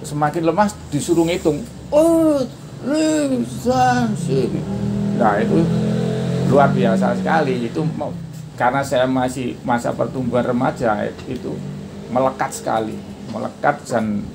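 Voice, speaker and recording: A man in his sixties, a podcast guest, talking casually and shouting out drill counts now and then. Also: mid-range voice, vocal fry. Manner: shouts out karate counts when demonstrating. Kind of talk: casual interview. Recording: noisy background.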